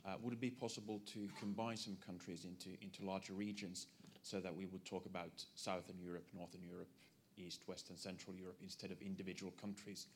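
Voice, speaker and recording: A man's voice: low-pitched, level tone, a little fast, a little hiss or hum. A man in the audience making a polite, hesitant comment at a conference, repeating words as he goes.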